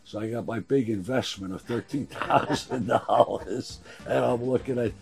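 A man in his sixties with a husky voice, chatting casually in a gruff, wry, halting way. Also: mid-range voice, a little mellow. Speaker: boat builder and owner being interviewed. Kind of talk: casual chat. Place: small wooden sailboat cabin.

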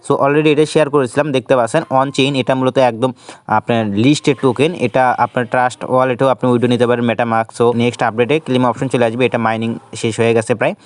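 A man talks through an app tutorial at a very fast clip. He gives steady step-by-step instructions and drops English words into his sentences. His voice sits at an ordinary, mid-range pitch for a man. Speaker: channel host. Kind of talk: screen-recorded app tutorial.

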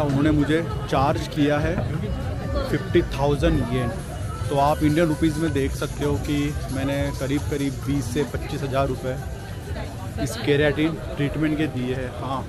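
A young man casually chatting to viewers while walking, filming himself with a handheld action camera outdoors. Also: on the high side. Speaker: vlogger. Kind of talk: casual walking travel vlog. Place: busy city streets at night and train platform, outdoors. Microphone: handheld action camera at arm's length. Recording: street noise behind. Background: city street and station noise.

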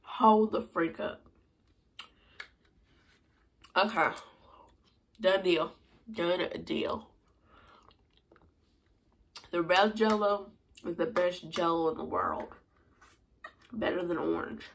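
A young woman with a hoarse voice, chatting casually and rambling in a food review vlog. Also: fairly low pitch, steady tone, takes it slowly, pauses often. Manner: chatty, rambling with many fillers. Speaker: vlogger.

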